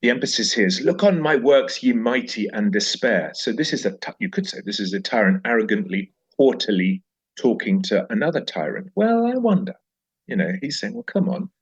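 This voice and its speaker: A middle-aged South African man joins a podcast for an animated, emphatic literary discussion, repeating phrases and asking rhetorical questions. His medium-pitched voice is sing-song, slightly rough and a little fast, on a dull recording.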